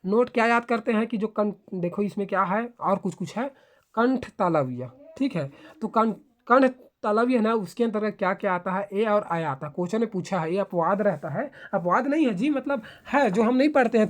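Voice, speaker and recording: A woman's voice: medium pitch, darkish tone. A woman teaching a grammar lesson, sounding out syllables one by one and often asking herself rhetorical questions before she answers them. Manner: ends points with a checking "okay". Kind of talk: spoken classroom lecture.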